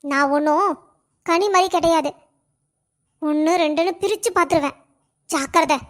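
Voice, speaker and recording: A woman's voice: high-pitched, normal speed, natural voice. A woman voicing a young pregnant daughter-in-law, defiant when insulted and caring toward family. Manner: fiery when wronged, tender with family.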